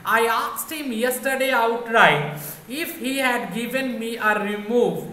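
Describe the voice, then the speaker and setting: A worried teenage schoolboy, read by a woman teacher. The voice sits fairly high. It echoes in a roomy space. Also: unhurried, bright, forceful tone. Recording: echoey room.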